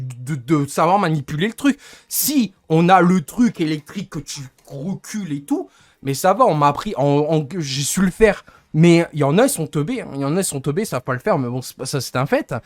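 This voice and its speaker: A man's voice: fairly high pitch, no echo, clean studio sound. A young man venting to his stream chat in a rambling, annoyed way, often searching for words. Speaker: livestreamer.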